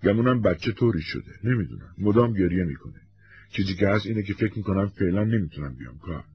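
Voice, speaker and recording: A man's voice: low-pitched, animated, lo-fi sound. A man playing a hesitant, defensive young husband.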